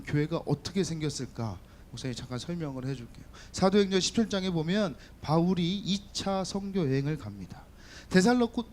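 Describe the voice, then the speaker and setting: Lively high-voiced man preaching to teens. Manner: lively, talks directly to students with questions and jokes. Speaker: youth pastor. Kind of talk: sermon to teenagers. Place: church hall.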